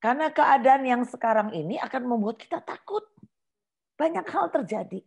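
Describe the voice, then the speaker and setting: Animated woman preacher telling testimony. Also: fairly high pitch, moderate pace, vocal fry, breathy edge. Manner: animated storytelling, acting out prayers and dialogue. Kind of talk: sermon with personal testimony.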